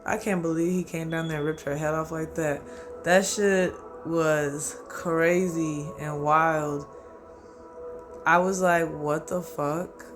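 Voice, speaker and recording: High-voiced man ranting about anime over music. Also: takes it slowly. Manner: rambling, profane, excitable, quotes himself. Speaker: anime reaction host. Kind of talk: casual solo anime commentary.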